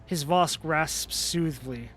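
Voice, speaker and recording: A man's voice: fairly high pitch, slow, fairly bright tone, soft background music. Young man reading game text on stream. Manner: casual, joking asides between narration.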